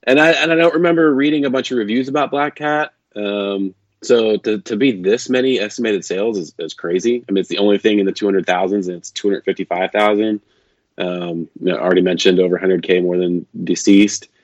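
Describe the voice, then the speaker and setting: Away from home at a conference, a male podcast host chats casually through a makeshift travel setup, his low, steady voice a little fast. He's chatty and easygoing, restarting often and using fillers. The dry recording has a dull lo-fi sound, and his voice is slightly robotic and metallic.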